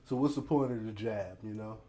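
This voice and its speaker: A man's voice: on the low side, a little fast, warm tone. An American man hosting a laid-back, casual commentary livestream, his speech slightly impeded by a teeth grill. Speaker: host of a news commentary livestream. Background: ambient noise, storm outside.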